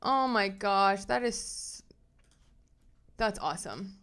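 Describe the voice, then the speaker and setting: Young woman, commentary vlog host, smooth clear voice, middle pitch, chatty, animated reactions. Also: takes it slowly. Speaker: pop culture commentary host. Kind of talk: casual commentary vlog reading texts aloud.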